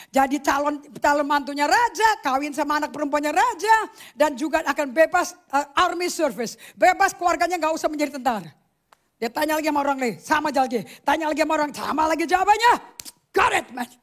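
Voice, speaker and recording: A woman pastor preaching a sermon in an animated, emphatic way, dropping English phrases into her talk. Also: high-pitched.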